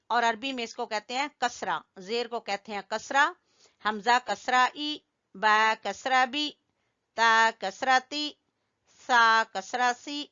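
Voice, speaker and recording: A woman teaching Quran recitation, slowly spelling out letters and vowel marks and having learners repeat them after her. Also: a little high, clean tone, lo-fi sound. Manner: corrects learners gently. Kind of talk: slow drilling lesson with call-and-response.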